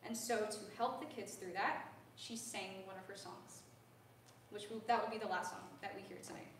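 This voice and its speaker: Recorded from a distance by a room camera, a young woman speaks in a mid-range, somewhat bright voice with fairly even intonation at a moderate pace. She's a voice student delivering an earnest spoken lecture recital, chatty and sprinkled with ums, in a big recital hall with a grand piano, where echo and faint hiss wash over her.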